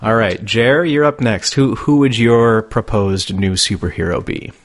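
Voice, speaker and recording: A man hosting a casual podcast chat, with a slightly low voice. He is upbeat and keeps the talk moving, passing turns to his panel and laughing easily. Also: a little slow. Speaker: podcast host.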